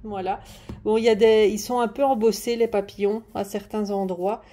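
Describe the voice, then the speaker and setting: At her desk at home, a woman shows off craft paper pads in a casual show-and-tell haul vlog, speaking at normal speed in a warm, mid-range, steady voice. She is chatty and hesitant, full of fillers and restarts. The camera sits on the desk and gets moved closer and back.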